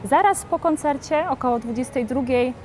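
Bright-voiced young woman, event coordinator. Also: high-pitched, normal speed, slight background noise. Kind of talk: studio interview answers. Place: studio set in a shopping mall. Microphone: lapel.

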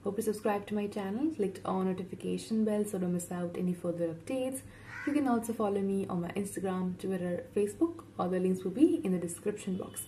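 A woman's voice: mid-range voice, brisk, warm tone. A young Indian woman in her twenties with an Indian accent, chatting casually and giggling to her webcam in her bedroom. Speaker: reaction YouTuber. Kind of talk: casual chat to camera. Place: bedroom, indoors. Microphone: webcam at desk distance. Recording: slightly distant mic, faint room noise.

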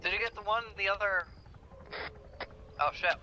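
High-voiced sweary man on noisy game chat. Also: moderate pace, sharp tone, highs cut off. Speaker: teammate in a co-op shooter. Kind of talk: casual in-game team chat.

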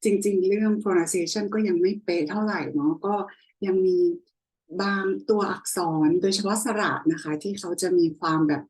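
A young woman tutoring a language lesson over a screen share, explaining slowly and often checking in with her listener. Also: mid-range voice, steady tone, a little mellow, poor audio. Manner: slow, explanatory, frequent checking questions.

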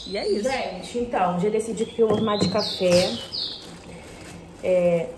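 A woman's voice: medium pitch, moderate pace. A Brazilian woman in her twenties chatting casually to viewers in a vlog, her speech slightly lisped from wearing a removable retainer. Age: 20s. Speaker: vlogger. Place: small bedroom and tiled kitchen indoors. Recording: clear background room noise.

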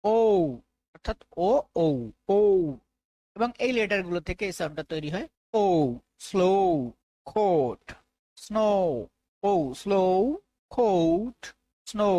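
A woman with a Bangladeshi accent teaching a phonics lesson, slowly repeating each sound and correcting common mistakes. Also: on the low side, dry recording. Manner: slow drilled repetition of sounds.

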